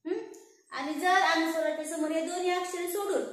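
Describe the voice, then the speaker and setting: A woman teaching a class, drawing words out slowly, repeating them and quizzing her students. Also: extremely high pitch, fairly even intonation. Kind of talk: classroom lesson on reading and writing. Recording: very echoey room.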